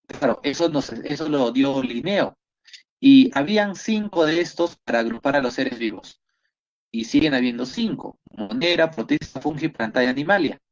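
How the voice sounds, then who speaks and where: A man's voice: medium pitch, muffled recording. A man with a Peruvian Spanish accent teaching an online biology class, going over exam questions and praising his students often. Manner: encouraging, repeats praise often.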